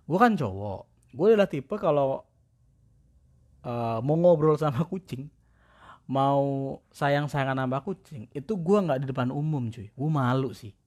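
A man's voice: mid-range voice, unhurried, pauses often, darkish tone. A young man with chatting casually in a self-deprecating monologue. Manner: chatty, slangy, self-deprecating, mimics cat-talk voices.

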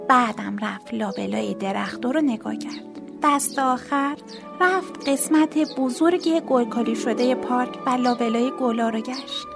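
A woman with a high voice reads a children's storybook aloud. She tells it expressively and lively, with faint music playing softly behind her. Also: creaky.

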